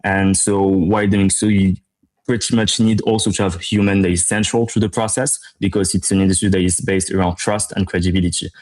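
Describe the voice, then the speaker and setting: A man from Morocco, interviewed as a startup co-founder, pitches his business conversationally with emphatic repetition. His voice is level, brisk, and a little mellow.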